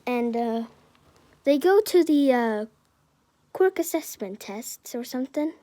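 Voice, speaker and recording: A woman's voice: high voice, animated, slow pace, mellow. A woman narrating a fan story casually in a rambling, playful way.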